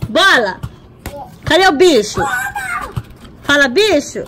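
A woman's voice: sits high, big pitch swings, takes it slowly. A woman with a Brazilian Portuguese accent, chatting playfully and teasing her children while she films them on her phone. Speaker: vlogger and mother filming her family. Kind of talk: casual family vlog chat. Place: yard outdoors, then a home birthday party. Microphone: phone camera she is holding. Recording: roomy, noisy phone audio from a distance.

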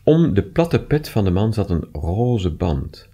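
A man reading short stories aloud with expressive, measured narration. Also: low voice, husky. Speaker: reader.

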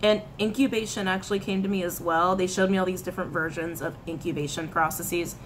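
On a rough recording with slight background noise, a woman in her thirties speaks a little fast in a fairly low voice. She gives a casual tarot reading to a front-facing camera in a small room, framed head and shoulders, chatting with animated gestures, frequent laughter and repetition.

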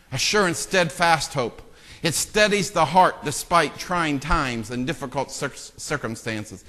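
A male pastor with a bright, medium-pitched voice preaches a sermon in a church sanctuary, where a long hall reverb trails his words. He swings from hushed asides to loud, impassioned preaching and jokes self-deprecatingly with the congregation.

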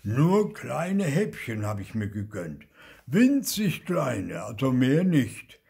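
A man's voice: medium pitch, wildly swooping pitch, takes it slowly, creaky, mellow, slightly rough, pitched above the performer's own voice, heavily acted. Onkel Oskar, a man doing a pompous old ghost. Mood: indignant. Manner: pompous, indignant. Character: big, stern old uncle ghost.

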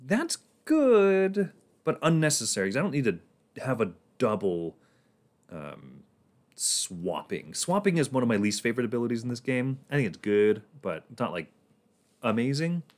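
A man's voice: medium pitch, sing-song, moderate pace. A man casually talking through his moves in a board game on a livestream, rambling and laughing often.

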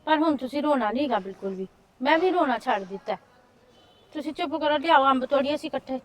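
A woman playing a kind young sister-in-law who gently consoles a crying relative. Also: sits high, lively intonation, quick pace. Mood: consoling. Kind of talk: family drama acting.

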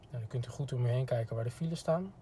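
A fast-talking man with a mellow, medium-pitched voice presents a polite, relaxed instructional demo in his role as a car product expert. He's in a parked car, and the recording's background is clean.

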